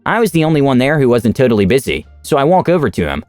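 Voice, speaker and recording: Man narrating stories with animated pitch. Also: fast talker, no echo, soft background music. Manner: lively, expressive reading. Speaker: story narrator. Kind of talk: scripted narration of online stories.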